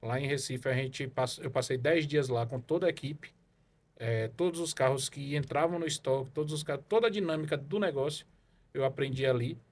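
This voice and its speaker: Speaking fairly quickly in a mid-range voice, a man from Salvador, Bahia, Brazil, recounts his career as a car evaluation consultant. It's a casual podcast interview, and his telling rambles, packed with fillers and tag questions.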